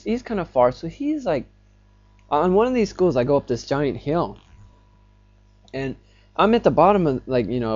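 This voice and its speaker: A man's voice: medium pitch, a little mellow, dull audio. A young man telling a rambling personal story to his phone camera in a casual vlog, full of fillers. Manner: rambling, filler-heavy, grows agitated as the story builds. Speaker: vlogger.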